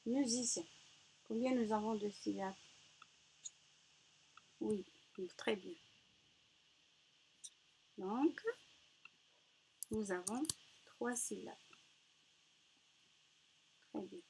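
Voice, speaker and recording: A woman teaching a reading lesson to young children, slow and patient, praising answers and sounding out each word. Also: mid-range voice, dark tone, slight background noise. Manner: patient, encouraging, spells out syllables. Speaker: primary school teacher.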